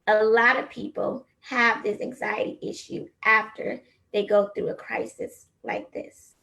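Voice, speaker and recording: A woman's voice: medium pitch, steady tone, a little slow, gravelly, sharp tone. A woman teacher speaking over a video call, telling a personal story in an earnest, encouraging way. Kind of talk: personal testimony speech.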